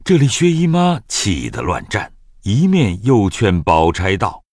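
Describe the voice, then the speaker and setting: A man narrating a classic story in an audio drama with a lively storytelling manner. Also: lowish voice, unhurried, dry recording, studio quality.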